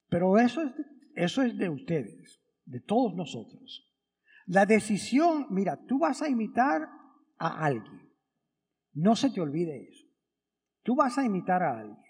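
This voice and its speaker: A man's voice: high voice, vocal fry, darkish tone. A man, a priest, giving a conversational Sunday homily and asking the congregation many rhetorical questions. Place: church during Mass. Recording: long church reverb.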